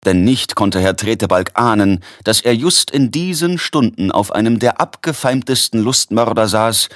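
A man narrating a story in an expressive audiobook reading. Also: on the low side, normal speed, dry recording, clean studio sound.

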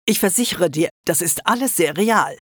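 A man's voice: high-pitched, expressive, normal speed, husky, dry recording, clean studio sound. A man voicing an ancient, smug male wizard hologram who talks down to people in a lecturing way, in an audiobook. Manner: condescending, lecturing.

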